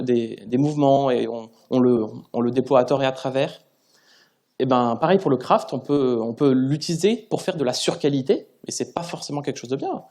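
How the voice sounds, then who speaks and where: A man's voice: mid-range voice, mellow. A man giving a conference talk to a live audience in a conversational, self-deprecating way, often restarting his sentences. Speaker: conference speaker. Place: conference room.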